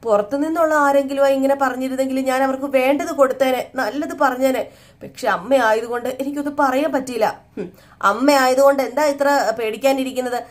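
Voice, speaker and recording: A woman's voice: high voice, fairly even intonation, fast talker, pitched above the performer's own voice, lightly acted. A woman voicing a young wife who pours out her hurt over her family's humiliation. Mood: aggrieved. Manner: aggrieved, tearful pleading.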